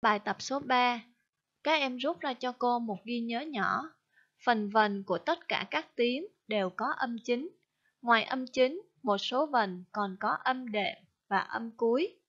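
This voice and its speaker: A Vietnamese woman, a primary school teacher, explaining a spelling lesson slowly and carefully, syllable by syllable. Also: fairly high pitch, fairly bright tone, dull audio. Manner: slow, careful dictation-style explanation. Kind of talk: recorded online spelling lesson.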